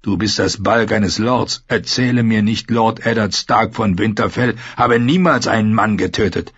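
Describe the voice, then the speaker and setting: Brutal scarred warrior, low husky growl, read by a male narrator, dull dry sound. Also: normal speed, fairly bright tone, dry recording. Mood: menacing. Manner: gruff, scornful, growling. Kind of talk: audiobook character voice.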